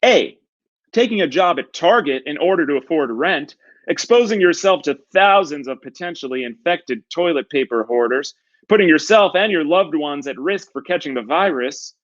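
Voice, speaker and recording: Actor as smug male game show host, booming prize-announcer style, raised pitch, slightly muffled recording. Theatrical, drawn-out build-ups. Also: lively intonation, natural voice. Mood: dramatic build-up.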